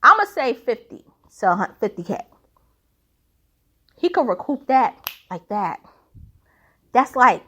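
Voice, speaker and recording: A woman's voice: a little high, a bit bright. A woman giving casual, opinionated commentary in an emphatic, blunt, colloquial way.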